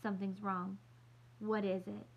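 A woman's voice: medium pitch, little pitch movement, a little slow, gravelly, slight background noise, rough recording. Woman reading an earnest young girl. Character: young girl Anne-Marie, thoughtful and earnest.

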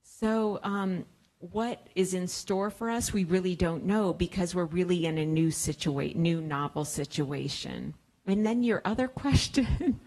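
A woman's voice: fairly low pitch, unhurried, darkish tone. A middle-aged woman, a public health expert, answers audience questions at a science cafe, explaining plainly with thoughtful fillers into a handheld mic in a large museum hall. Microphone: handheld microphone.

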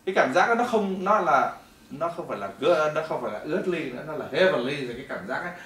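A middle-aged man tells his testimony in a rapid, animated sermon, swinging between loud and hushed. He is picked up from some distance in an echoey church hall, with faint room noise behind him. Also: fairly high pitch. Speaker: preacher giving testimony.

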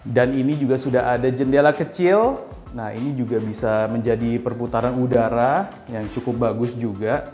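A man's voice: mid-range voice, moderate pace, mellow, soft background music. A man presenting a property on a walking house tour, talking upbeat and straight to the viewers. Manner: upbeat, addresses viewers directly. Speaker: real estate house tour host.

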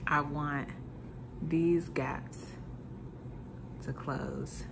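A woman's voice: low-pitched, steady tone, very slow, creaky, noisy background. A woman vlogger talking casually while a finger pulls her lip down, with lots of fillers and restarts. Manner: rambling, many fillers and restarts. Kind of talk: casual chat to camera.

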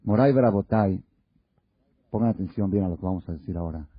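Husky-voiced man giving a religious lecture. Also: sits low, a little fast, no room sound. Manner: asks many rhetorical questions; acts out little dialogues. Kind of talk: Torah lecture to an audience. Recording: dull lo-fi recording.

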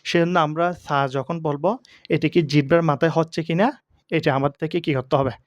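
A man teaching the pronunciation of Arabic letters for Quran reading. He asks questions and answers them himself, and he draws each letter sound out slowly. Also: fairly high pitch, fairly even intonation, no room sound, dull audio. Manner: slow, drawn-out letter sounds.

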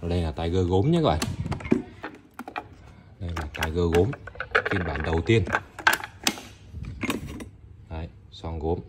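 A low-voiced man speaks at a measured pace with frequent pauses over heavy background noise. He sells used Japanese rice cookers online, showing them off casually in a video from an indoor tiled room with the products on the floor, repeating himself and talking straight to viewers.

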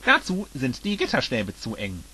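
A man reading the lines of a calm, patient female dinosaur in a fan-made audiobook, explaining gently. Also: mid-range voice, moderate pace, breathy edge, exaggerated voice.

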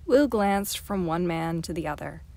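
Woman, amateur audiobook narrator, somewhat low voice, steady clear storytelling. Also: unhurried. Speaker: audiobook reader.

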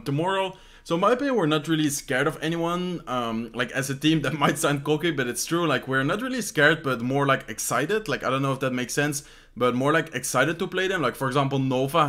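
A young adult man from the Netherlands, speaking English as a second language with a Dutch accent, answers fan questions in a casual Q&A from his bedroom. His mid-range voice is a bit bright. He rambles, fills gaps with "like" and searches for words with "how you say this."

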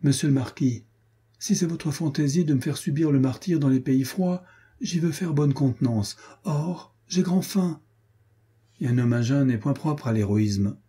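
A weary squire who groans about hunger and hard riding, his voice pitched up and whining, as a male reader plays him. Dark and husky underneath, storybook reading. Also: measured pace. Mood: grumbling. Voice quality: whining, complaining. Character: grumbling hungry squire, weary and plaintive.

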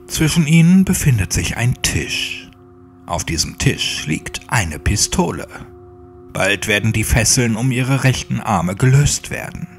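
A man voicing a cold, sadistically polite male captor speaking over a loudspeaker in a horror audiobook. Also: medium pitch, lively intonation, unhurried, faint music behind, pitched above the performer's own voice. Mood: coldly polite. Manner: formal, mocking politeness.

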